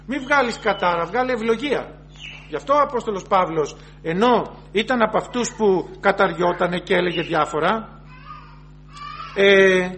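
A high-pitched man delivers an earnest sermon. He repeats and rephrases each point and reads scripture aloud before he explains it. A faint hum runs under the recording. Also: a bit bright. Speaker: preacher.

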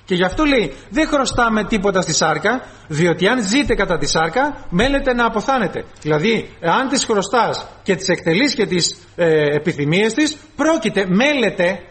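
A man's voice: high-pitched, very animated, fairly bright tone. A man preaching a sermon to his congregation, calling them brothers and acting out short dialogues with the flesh.

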